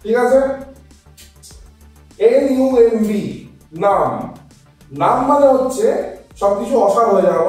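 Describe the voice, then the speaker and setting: A woman's voice: medium pitch, a little mellow. A woman teacher leading a classroom pronunciation drill, repeating each word and quizzing the class again and again. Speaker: English teacher. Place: classroom with children. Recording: very echoey room, distant mic.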